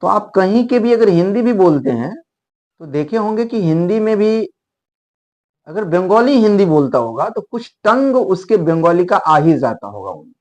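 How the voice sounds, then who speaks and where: A man's voice: sits high, sing-song, normal speed, a little mellow. A man teaching spoken English in a casual, rambling lecture, explaining with frequent restarts and asides. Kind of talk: spoken English lesson in Hindi.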